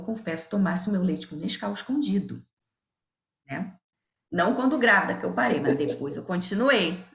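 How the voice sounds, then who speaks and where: A woman's voice: on the low side, creaky. A middle-aged woman with a Brazilian Portuguese accent, a nutritionist guest who chats openly and laughs often as she tells stories. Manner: lively, laughs often, acts out remembered dialogue. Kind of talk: candid conversational storytelling. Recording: roomy echo.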